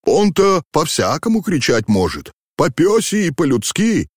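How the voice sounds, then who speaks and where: A man voicing a burly young coachman who speaks in a steady, folksy manner. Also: on the high side, unhurried, husky, dry recording, clean studio sound, voice pushed up, full character voice. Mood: wary. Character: burly young male coachman, calm and superstitious.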